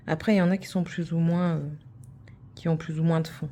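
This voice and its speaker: A woman chatting casually to her viewers about her craft projects, wandering from one thought to the next and teasing herself along the way. Her voice sits a little low and sounds soft and mellow rather than bright. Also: level tone, a little fast, slight background noise. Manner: chatty, rambling, self-teasing. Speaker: crafts vlogger.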